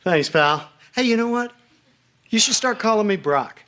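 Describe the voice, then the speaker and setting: A man's voice: sits high, animated, moderate pace, a bit bright. A middle-aged man acting in a sitcom as an upbeat dad, chummy, coaxing and a little smug. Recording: noisy sitcom soundtrack.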